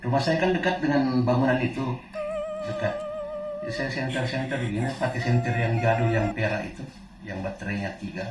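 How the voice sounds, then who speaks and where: A man casually recounting a true experience, halting and repeating phrases as he goes. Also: mid-range voice, huge pitch swings, over music. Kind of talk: casual spoken storytelling. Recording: roomy, distant mic, faint background noise.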